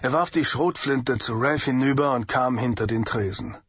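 A man narrating an audiobook thriller in a steady, measured way, in a dull lo-fi recording. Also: mid-range voice, breathy edge, dry recording. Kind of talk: scripted narration.

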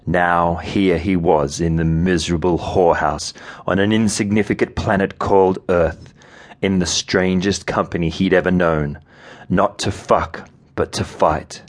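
A man narrating a novel in an audiobook, with measured, vivid storytelling. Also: low-pitched, fairly even intonation. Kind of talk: scripted narration.

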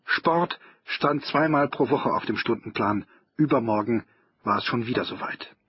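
A man's voice: mid-range voice, normal speed, dull audio, slight background noise. A man narrating an audiobook in a dry, wry storytelling manner. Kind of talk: audiobook reading of a humorous novel.

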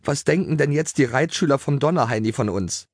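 A man's voice: mid-range voice, lively intonation, a little fast, no echo, clean studio sound, voice pushed up, lightly acted. A man voicing a whiny, fussy young girl rider in a children's audiobook.

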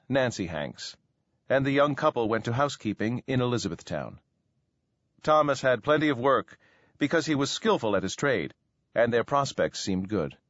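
A male audiobook narrator reading with expressive, lively pitch. His middle-pitched voice is recorded dry, with slightly dulled highs. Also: no echo, muffled recording. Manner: expressive storytelling. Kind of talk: scripted narration.

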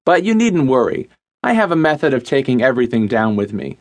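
Calm, cultured male court wizard, voice dropped low, smooth and kindly; a woman voices him. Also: a little fast. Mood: calm, pleasant. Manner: calm, assured, pleasant.

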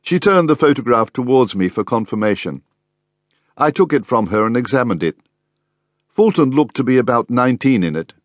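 A man reading an audiobook in the first person, wry and measured. His pitch moves lively through each sentence, and the recording is close and dry with no room sound. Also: no echo. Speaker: audiobook narrator. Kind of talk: scripted first-person narration.

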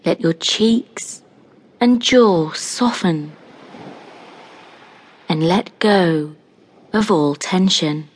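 Her voice lowish and her pace very slow, a woman narrates a guided relaxation as a hypnotic scripted read. The tone stays calm and soothing, and generous pauses separate each phrase.

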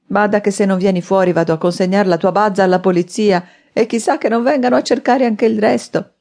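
A woman narrator voicing a drunken, furious man who shouts and threatens. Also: medium pitch, brisk, pitched above the performer's own voice, natural voice. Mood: mocking. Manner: loud, shouting, blustering.

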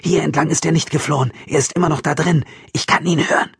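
Man doing a trembling frightened female cop, high pitch, anxious, audiobook. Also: fairly even intonation, fast, gravelly, a bit bright, husky, no echo, clean studio sound, full character voice. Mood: shaken. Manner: shaky, anxious. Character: shaken young female police officer.

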